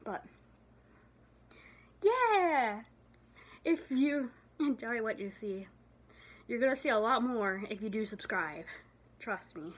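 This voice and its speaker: A woman's voice: fairly high pitch, sing-song, slow, long pauses, breathy edge. Tired young woman rambling into her phone. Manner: rambling, filler-heavy, trailing off. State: tired, out of breath. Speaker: vlogger. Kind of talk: casual vlog chat. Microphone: phone camera.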